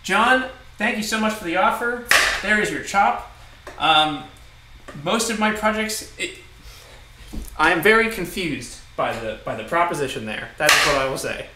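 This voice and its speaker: A young man with a slightly high voice chats loosely while cooking, reading out viewer messages between laughs. He sits back from the mic in an echoey kitchen, under loud background noise. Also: normal speed, recorded from a distance. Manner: relaxed, laughing, reads viewer messages aloud. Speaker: host. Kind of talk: casual livestream chat. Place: home kitchen, indoors. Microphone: far camera.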